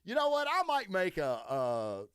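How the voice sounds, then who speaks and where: A man's voice: sits high, huge pitch swings, normal speed, fairly bright tone, clean tone, no echo, clean studio sound. A man, hosting a solo podcast and rambling through profane stories while answering his live chat. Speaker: podcast host.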